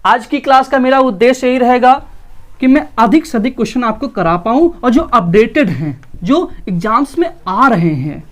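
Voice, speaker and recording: A male maths teacher giving an online exam-prep lesson, explaining slowly step by step and often asking whether his students follow. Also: very high voice, expressive.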